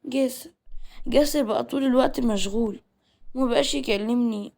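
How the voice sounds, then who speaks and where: A woman's voice: a little high, brisk, vocal fry, a little mellow. A woman voicing a young Egyptian woman who complains that her fiancé ignores her. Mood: worried, complaining. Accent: Egyptian Arabic.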